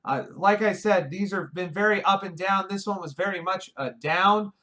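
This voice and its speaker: A man's voice: high-pitched, moderate pace, bright, forceful tone. A man giving a casual video review of a film, wry and exasperated, often restarting his sentences. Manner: wry, exasperated, talks over himself with restarts.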